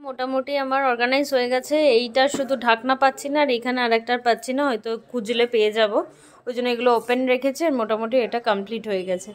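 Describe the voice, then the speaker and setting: A woman's voice: fairly high pitch, steady tone, quick pace. A woman vlogger narrating casually while she organises and cooks in her home kitchen. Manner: chatty, talks to viewers while doing kitchen chores, coaxing baby talk to a child.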